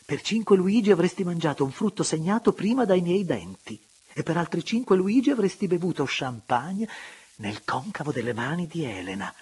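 A man's voice: sing-song, moderate pace, a little mellow, slightly rough, full character voice. A man reading aloud, voicing a teasing, merry noblewoman in a raised, mocking voice. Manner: high, laughing and mocking.

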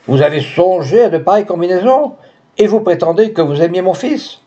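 Man reading a firm, indignant old doctor father, mellow low voice, dull lo-fi audiobook sound. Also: lively intonation, a little fast. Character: grieving stern father, older doctor.

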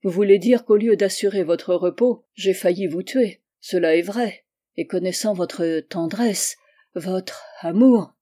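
A passionate young man, voiced by a woman narrator presses his feelings with forceful insistence. The tone stays mellow and warm. It is an audiobook reading of a novel. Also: mid-range voice, a little slow, close to an everyday voice. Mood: pressing.

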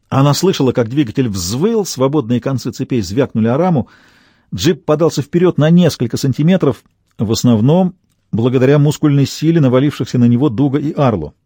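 A man narrating an audiobook with expressive storytelling. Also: mid-range voice, brisk, husky, dry recording, studio quality. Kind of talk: scripted narration.

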